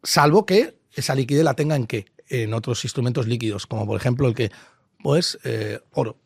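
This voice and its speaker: Gravelly man, opinionated. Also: medium pitch, fairly quick, no echo, clean studio sound. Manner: opinionated, explains with rhetorical questions. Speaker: investor guest. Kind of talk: casual interview talk.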